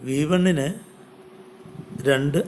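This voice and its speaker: A man with a Malayali accent teaching English grammar online, reading word lists one at a time with pauses. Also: on the high side, darkish tone, a little hiss or hum. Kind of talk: slow, deliberate grammar lesson.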